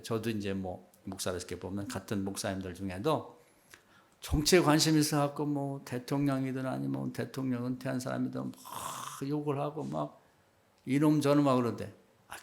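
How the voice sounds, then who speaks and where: Korean pastor preaching with emphatic swings. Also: male voice, a little fast, gravelly. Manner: conversational preaching, acts out quoted remarks in a low hushed voice; swings between loud emphatic peaks and quiet asides. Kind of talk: sermon.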